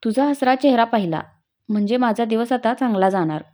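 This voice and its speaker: A woman voicing a gentle young husband. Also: a little high, brisk, lightly acted. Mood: affectionate.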